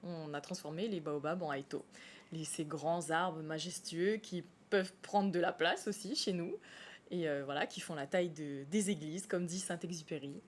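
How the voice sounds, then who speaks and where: A woman's voice: deep voice, moderate pace, slight background noise. A woman, a stage actress, answers interview questions in a TV studio, hesitant and full of fillers and restarts.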